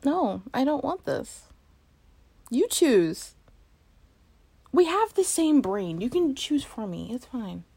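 A woman's voice: sits high, sing-song, takes it slowly, creaky, long pauses, mellow, husky, dry recording, full character voice. A woman playing a sleepy, playful girlfriend in an intimate role-play, murmuring in a whiny, teasing way and sometimes whispering. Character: sleepy playful girlfriend waking late on her birthday.

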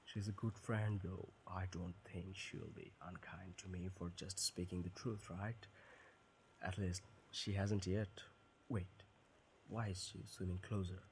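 A man acts out a bashful young guy in a romantic audio drama, his voice on the low side and set against clear background noise. He talks slowly and haltingly, tripping over his words with nervous, smitten awkwardness. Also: level tone, a little mellow, low-quality recording. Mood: anxious, self-scolding. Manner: stammering, halting, nervous, apologetic. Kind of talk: romantic audio role-play.

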